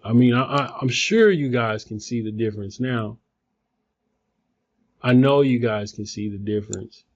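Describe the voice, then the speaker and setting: A man with a mid-pitched voice walks through software in an informal way, thinking aloud as he goes. The sound is dull and lo-fi, picked up by a phone placed away from him. He rambles casually like someone presenting a homemade tutorial. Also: normal speed. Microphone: phone, some distance away. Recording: dull phone recording, distant from mic.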